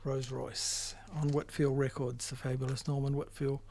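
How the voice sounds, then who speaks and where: Between tracks in a radio studio, a man hosts a music show without a script, hesitating and searching for words. His mid-range voice moves little in pitch, keeps a moderate pace and sounds a little mellow, with some vocal fry.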